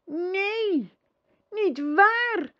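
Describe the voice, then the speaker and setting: A woman's voice: high-pitched, sing-song, slow, mellow, no echo, dull audio, pitched above the performer's own voice, heavily acted. A woman voicing a brave young boy hero who stammers and pleads in bewildered outbursts, reading a storybook aloud. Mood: desperate.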